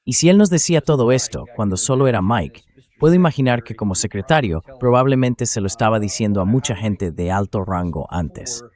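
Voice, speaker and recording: A male show host with a fairly low, darkish voice reads a translated political commentary to camera. He explains in a measured way, with lively intonation and firm emphasis on his key points.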